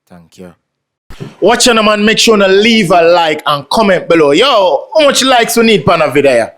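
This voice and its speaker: Brisk high-voiced host. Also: male voice, animated, fairly bright tone. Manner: brisk, directing contestants. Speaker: show host. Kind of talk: hosting a dating show.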